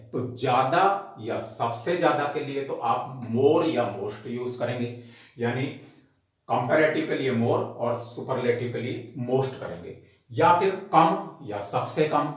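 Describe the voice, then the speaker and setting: Male grammar tutor, slow and methodical, spells words out, very echoey room. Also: mid-range voice. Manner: slow and deliberate, spells words out letter by letter and repeats each rule; addresses the class directly as students. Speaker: English grammar teacher. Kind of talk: recorded grammar lesson.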